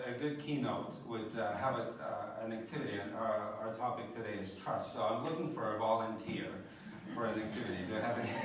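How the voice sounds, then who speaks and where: A man's voice: mid-range voice, heavy background noise. A middle-aged man from Ukraine giving a friendly, joking conference keynote with frequent fillers in a large auditorium. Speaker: keynote speaker. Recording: very echoey hall from far off.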